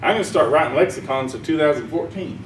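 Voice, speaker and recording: Slightly high and quick-paced, a Southern-accented Arkansas man gives a folksy sermon talk at a conference, rambling and laughing at his own jokes. The sound comes from afar in an echoey conference hall, with a bit of background noise.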